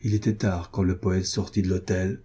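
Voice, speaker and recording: A man reading a nineteenth-century romance novel aloud in calm, measured narration. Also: low-pitched, breathy edge. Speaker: audiobook reader.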